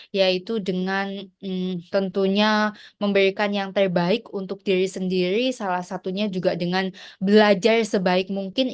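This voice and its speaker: A woman's voice: medium pitch, clean tone. A woman lecturer giving an online class over a video call, encouraging her students and mixing in English phrases between fillers. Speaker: university lecturer.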